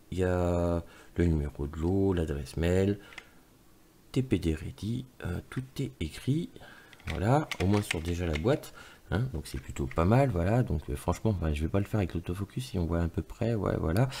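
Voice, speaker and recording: A man with a low, deep voice and a mellow, dark tone talks through a casual product review. He rambles and drops filler words constantly, with offhand and slightly crude asides, on his camera's mic. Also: slightly rough. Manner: rambling, full of "euh" and "voilà" fillers; informal, mildly crude asides.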